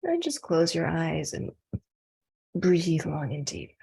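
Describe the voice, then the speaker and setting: A woman guiding a meditation, giving slow, calm breathing instructions with long pauses. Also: deep voice, gravelly, slightly rough. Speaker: meditation teacher.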